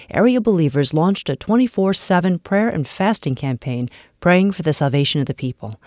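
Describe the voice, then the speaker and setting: A woman's voice: low voice, darkish tone, no echo, clean studio sound. An American woman anchoring a radio news program, reading a script in narration style. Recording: music bed under voice. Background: background music.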